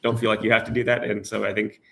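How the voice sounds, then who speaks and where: A man's voice: lowish voice, flat delivery, fast, vocal fry, fairly bright tone. A middle-aged man from the United States, talking as a guest in a casual interview, hesitant with many restarts and fillers.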